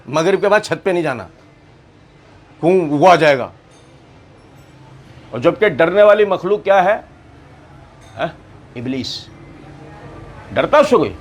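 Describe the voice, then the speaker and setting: A male preacher giving a sermon on scripture, firing rhetorical questions at his listeners and acting out the voices he quotes. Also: a little high. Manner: lively, acts out quoted voices. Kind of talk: Quran commentary sermon.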